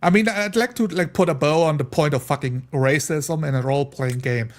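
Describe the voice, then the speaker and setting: In a casual podcast-style discussion, a man with a higher voice talks fairly quickly and at length as a tabletop player. He rambles emphatically and quotes imagined speakers.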